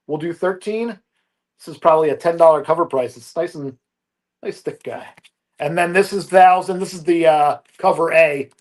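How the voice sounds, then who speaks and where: High-pitched man pitching comics. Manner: upbeat, brisk salesman patter. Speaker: comic book seller on a live auction. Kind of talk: live sales pitch.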